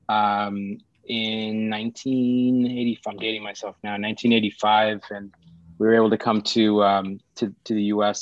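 A middle-aged man born in Sri Lanka, a startup founder talking as a podcast guest, pausing and restarting often. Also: fairly low pitch, no echo, muffled recording. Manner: halting, many restarts and fillers. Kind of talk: casual interview talk.

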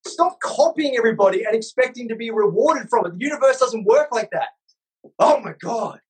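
A man's voice: extremely high pitch, lively intonation, a little fast, breathy edge, rough recording. A man co-hosting a live stream, ranting profanely and mimicking people in silly voices. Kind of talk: profane casual rant.

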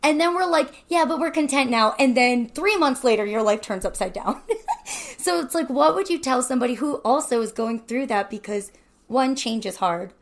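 A woman's voice: high voice, very animated, moderate pace. A woman hosting a casual, chatty conversational interview, recorded indoors in a wooden cabin. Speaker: podcast host, interviewer.

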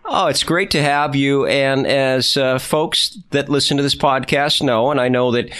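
A man's voice: mid-range voice, fairly even intonation, a little slow, fairly bright tone, clean tone. Male podcast host, chatty, joking, mid-range voice, easygoing interview tone. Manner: chatty, self-deprecating, joking asides.

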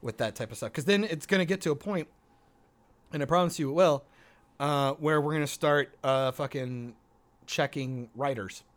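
A man's voice: on the high side, normal speed, a bit bright. A man in a casual, opinionated chat, speaking emphatically and swearing heavily.

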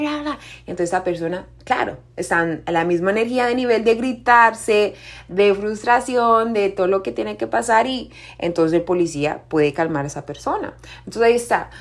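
Chatty young woman life coach. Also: mid-range voice. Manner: conversational, often asks "¿verdad?"; acts out quoted shouting in a raised voice. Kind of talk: casual motivational talk.

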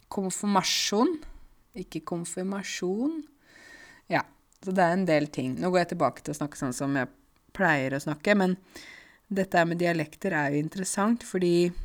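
A Norwegian woman from the countryside, a language teacher and podcaster, explaining slowly and carefully to learners with frequent filler sounds. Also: on the low side. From rural Norway.

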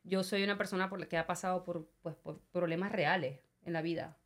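Venezuelan woman, middle-aged, lively storyteller guest who acts out quoted voices; chatty interview tone. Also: fairly low pitch, fairly quick. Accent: Venezuelan Spanish. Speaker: immigration paperwork consultant, guest. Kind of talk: casual interview conversation.

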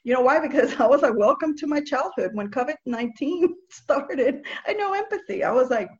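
Interview guest: woman from Nicaragua, slightly high pitch, earnest and halting, lo-fi, dull recording. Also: lively intonation. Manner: earnest, halting, with many restarts and soft laughs. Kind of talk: reflective spiritual conversation.

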